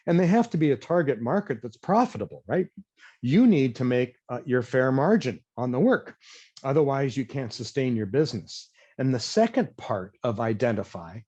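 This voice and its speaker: In a webinar on sales and marketing training, an energetic man who calls himself a high-wire talker deliberately slows down to explain things. The webinar audio is dull and lo-fi.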